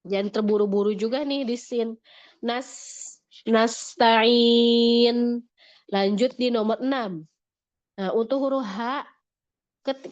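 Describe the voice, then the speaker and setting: A woman's voice: fairly high pitch, a little mellow, highs cut off. A woman teaching Quran recitation in an online class, patiently modelling each sound and repeating corrections. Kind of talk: online tajwid lesson.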